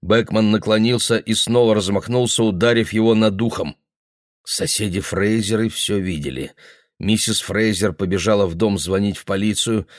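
A man reading a novel aloud in a steady, even narration. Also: fairly low pitch, brisk, few pauses, dry recording, studio quality. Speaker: audiobook reader. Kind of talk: literary narration.

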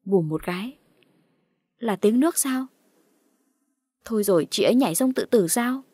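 A woman's voice: mid-range voice, lively intonation, moderate pace, dark tone, slightly rough, no room sound. A woman narrating a first-person horror audiobook in a dramatic, tense storytelling manner.

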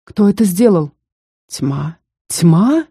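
A narrator plays a shaken young man in an audiobook, his voice strained and ringing as he pleads and accuses. The tone is mellow and the sound dry and close. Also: medium pitch, big pitch swings, slow, slightly rough, no room sound, exaggerated voice. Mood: despairing. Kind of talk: audiobook character reading.

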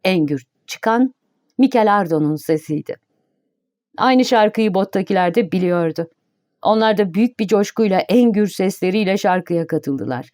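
A woman narrating an audiobook in a steady, even reading voice. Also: mid-range voice, moderate pace, no echo, clean studio sound.

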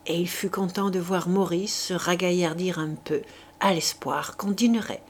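A woman reading a classic novel aloud as an audiobook, measured and deliberate. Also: on the low side, fairly even intonation, slight background noise. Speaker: audiobook reader. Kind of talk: literary audiobook narration.

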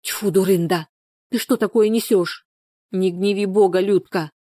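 A woman's voice: mid-range voice, steady tone, unhurried, warm tone, no echo, close to an everyday voice. A woman voicing a fussy village neighbor who acts as midwife, scolding and fussing in a folksy way.

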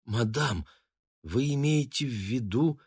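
A man's voice: mid-range voice, lively intonation, slow pace, darkish tone, husky, dry recording, clean studio sound, pitched above the performer's own voice. A man voicing a shy, flustered young woman who answers her mistress timidly. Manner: timid, bewildered.

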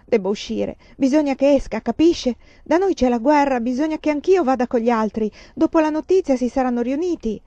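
A woman reading a storybook voices a desperate young foreign student who pleads and shouts to be let out. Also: on the high side, measured pace, no echo, muffled recording. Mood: frantic.

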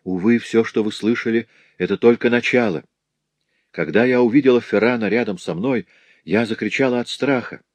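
A man's voice: on the low side, normal speed, darkish tone, no room sound, close to an everyday voice. A man reading a story aloud, voicing a wronged young working woman telling of her ordeal. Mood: anguished. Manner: pleading, anguished.

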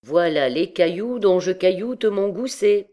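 A woman's voice: lowish voice, lively intonation, measured pace, dark tone, voice pushed up. A woman voicing a cocky young male student who talks in a teasing, haughty way.

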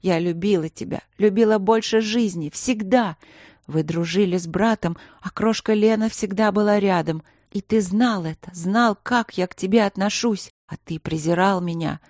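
A woman reading a novel aloud, voicing a desperate, furious queen who shouts and sobs accusations at her husband. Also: mid-range voice, no room sound, clean studio sound, pitched above the performer's own voice, close to an everyday voice.

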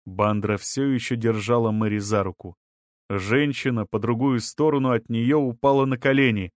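Male audiobook narrator, measured reading, mid pitch, dry close recording. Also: no echo. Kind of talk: scripted narration.

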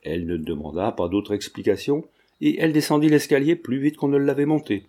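Dark-voiced man narrating an audiobook. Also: mid-range voice, a little fast. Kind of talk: scripted narration.

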